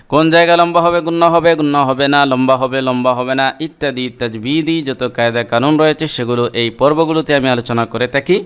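A man teaching Quran reading with a Bangladeshi Bengali accent, spelling words out syllable by syllable and chanting verses in long drawn-out phrases. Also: medium pitch, a bit bright, clear, resonant tone. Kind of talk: slow spelling-out lesson with chanted recitation.

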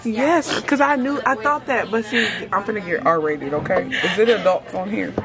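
A woman's voice: mid-range voice, moderate pace, very noisy. A young woman, chatting playfully as a guest on a shopping vlog, teasing and laughing, recorded in a bookstore. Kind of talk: casual chat while book shopping.

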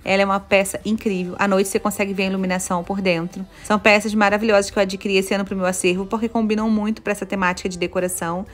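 Brazilian-accented woman, home decor vlogger, enthusiastic and gushing, casual chat. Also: mid-range voice. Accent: Brazilian Portuguese. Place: home kitchen, indoors.

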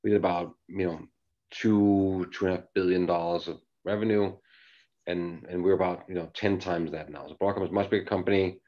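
Presenting for work on an evening video call from his living room, a middle-aged Danish engineering executive with a very deep, warm voice speaks fairly quickly and with fairly even intonation. His delivery rambles, packed with fillers, restarts and repeated words. The sound is muffled and lo-fi, resembling a laptop webcam microphone.

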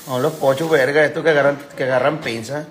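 A man's voice: mid-range voice, fairly even intonation, fast, slight background noise. A man chatting casually in a home vlog, joking, teasing and swearing constantly. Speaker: family vlogger.

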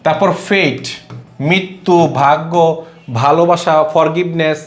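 With a fairly high, steady voice and an unhurried delivery, a male English grammar tutor leads an exam-prep lesson. He repeatedly poses questions, answers them himself, and restates each rule. The room echoes, and faint music plays in the background.

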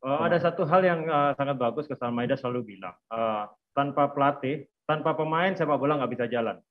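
A man coaching a football team speaks at a press conference table microphone, talking quickly in short bursts. He stops often on filler sounds and repeats his own phrases. The sound is thin and phone-like. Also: mid-range voice. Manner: halting, many filler "eh" pauses and repeated phrases. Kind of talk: post-match press conference answers.

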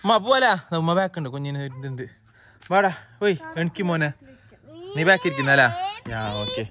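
A man's voice: on the high side, animated, a little fast, pushed and bright. A man hosting a casual family vlog, chatty and often breaking off to call to his children. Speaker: family vlogger. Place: at home and in the family car.

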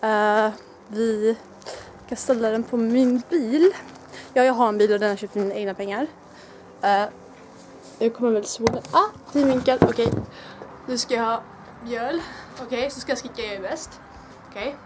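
A woman's voice: a little high, fairly even intonation, long pauses, noisy background. A young woman with a Swedish accent, chatting nervously and giggling through a casual challenge vlog, swearing freely, filmed on a camera mic at home and outdoors. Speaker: vlogger. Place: home, then outdoors by her car.

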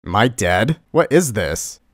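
A man's voice: on the low side, very animated, slow, no echo, clean studio sound. A man hosting a gaming video, giving casual reaction commentary on a horror game. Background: music.

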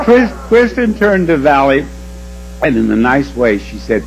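An older man hosting a game show before a studio audience, with a measured, teasing showman's delivery. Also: a little high, creaky, rough recording. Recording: loud studio crowd and music behind. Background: loud audience and music.

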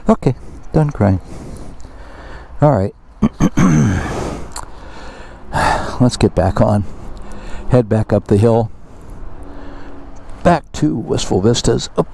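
Filling up his motorcycle at an outdoor fuel station, this vlogger chats casually, poking fun at himself with plenty of asides. He has a fairly low, warm voice with some vocal fry, and a little hiss or hum sits in the background.

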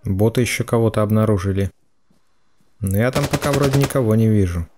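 A man's voice: on the low side, a little fast. A man giving game walkthrough commentary in short, understated, matter-of-fact remarks. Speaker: gameplay video commentator. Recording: game noise and gunfire behind. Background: game gunfire and clicks.

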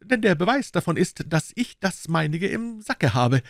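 A man reading aloud puts on a proud young musketeer, disdainful and icy behind his polite words. The voice rides well above the reader's own and swings high and low, heard close and dry. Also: sing-song, moderate pace, vocal fry, dry recording, full character voice. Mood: haughty. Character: young male musketeer, cold and haughty. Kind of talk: audiobook character voice.

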